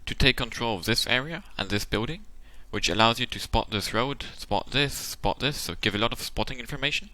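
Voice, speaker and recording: A man's voice: medium pitch, expressive, brisk, few pauses, pushed and bright, no echo. A man hosting his channel, giving casual tactical commentary on a game replay. He explains the options at length and thinks aloud, and his voice sounds tired and worn out.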